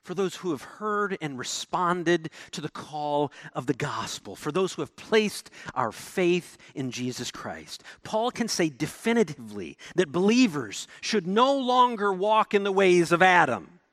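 A man preaching a sermon as pastor, animated, swinging between emphatic declarations and low, quiet lines. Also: unhurried, hardly any pauses, dry recording, clean studio sound.

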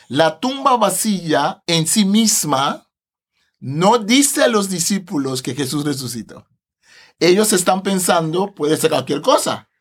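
High-voiced man explaining scripture. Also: slightly rough. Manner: animated, laughs often, tags phrases with a questioning "no". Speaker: Bible translator, podcast guest. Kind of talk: podcast conversation explaining scripture.

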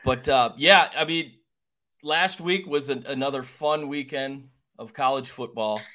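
A podcast host with a medium-pitched, bright, forceful voice chats about sports at an unhurried pace. His casual sports talk is folksy and rambling, full of fillers and restarts.

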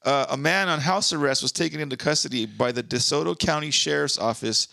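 A man's voice: fairly high pitch, fairly quick, vocal fry, sharp tone, no room sound. A man co-hosting a podcast in casual chat, crude and laughing often, reading news stories aloud. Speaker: podcast co-host.

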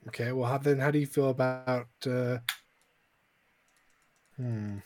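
A man's voice: mid-range voice, steady tone, a little slow. A man co-hosting a gaming podcast. He chats casually, keeps a laid-back tone and drops the odd dry remark. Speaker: podcast co-host. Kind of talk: casual chat.

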